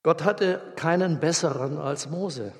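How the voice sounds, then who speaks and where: A man preaching a sermon in a lively, colloquial way, acting out the scenes he tells. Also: a little high, measured pace. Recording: reverberant hall.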